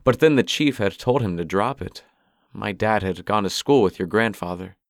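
A man voicing a guarded adult male police detective in an audiobook, in a measured, somber way. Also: fairly low pitch, no echo, close to an everyday voice. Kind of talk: audiobook character voice. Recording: dry close recording.

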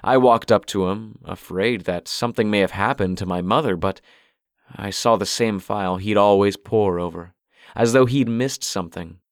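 A man voicing a guarded adult male police detective in an audiobook, in a measured, somber way. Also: fairly low pitch, dry recording, lightly acted. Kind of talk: audiobook character voice. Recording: dry close recording.

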